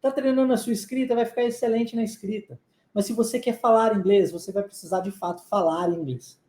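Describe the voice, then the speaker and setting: A native Portuguese speaker teaches English live online, her mellow, dark, mid-range voice keeping fairly even intonation. She drills and repeats phrases slowly and keeps checking in briefly with the learners. The space is echoey.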